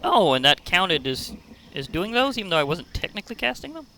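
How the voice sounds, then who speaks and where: A man's voice: high-pitched, sing-song, a little fast, pushed and bright, a little hiss or hum. A man giving casual, chatty commentary while playing a digital card game, thinking aloud and laughing often. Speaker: gaming channel host.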